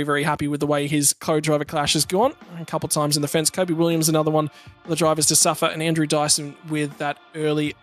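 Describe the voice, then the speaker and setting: A brisk man calling a sim racing broadcast, his voice sitting a touch high for a man. He rattles through finishing orders and incidents at an energetic lick as the lead commentator.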